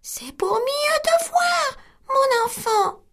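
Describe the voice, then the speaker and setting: A woman voicing a big hungry wolf in a fairy tale, loud and sly. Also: very high-pitched, lively intonation, extremely slow, pitched above the performer's own voice, exaggerated voice. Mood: coaxing. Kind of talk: storybook reading.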